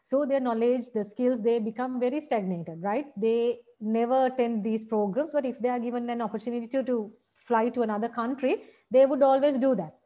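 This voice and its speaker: Woman, sri lankan accent, seminar lecturer, warm mellow tone, somewhat high voice. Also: fairly quick, few pauses. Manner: explains point by point, repeats words with "right?" checks. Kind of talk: online teacher-training seminar.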